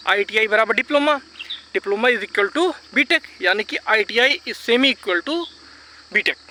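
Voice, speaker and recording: This vlogger, a man with a high-sitting, sharp voice, gives exam candidates informal, argumentative advice. He insistently repeats himself and mixes English words into his speech, with slight background noise in the clip.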